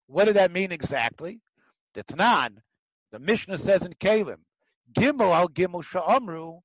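A man with a notably high-pitched voice teaches a religious text lesson. He is animated and conversational, often throwing out a question and answering it himself. He repeats phrases to drive a point home. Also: no room sound, rough recording. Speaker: teacher of a Talmud class.

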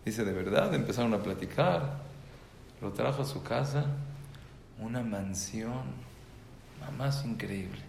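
Slow gravelly man telling a story. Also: medium pitch, expressive, darkish tone, slight background noise. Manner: repeats words for emphasis; acts out the characters' voices. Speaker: speaker telling a story to mothers. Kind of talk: storytelling talk. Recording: echoey room, faint ambience.

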